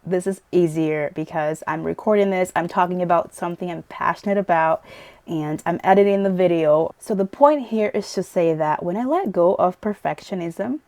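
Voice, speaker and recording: A Brazilian woman whose first language is Portuguese teaches English pronunciation in a casual, chatty video lesson, with a light Brazilian accent. Her voice is lowish and a little mellow, her pace moderate, and the recording dry. She laughs often and checks in with "right?".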